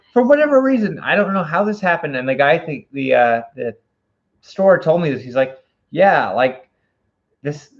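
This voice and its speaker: A man's voice: a little high, highs cut off. A man co-hosting a casual movie review, tipsy and rambling, given to wild overstatement.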